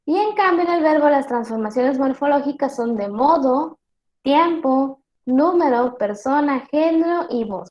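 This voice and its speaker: A woman with a high voice teaches an online class in an echoey room. She explains each point patiently and gives plenty of spoken examples. She pauses now and then to check that her students follow. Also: dull audio. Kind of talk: virtual class lecture. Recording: roomy echo.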